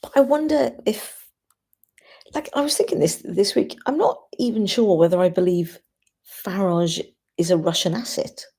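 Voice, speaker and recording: Female livestream host, husky and heavy on vocal fry, opinionated, informal, thinking out loud. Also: medium pitch, normal speed. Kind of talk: casual chat to live commenters.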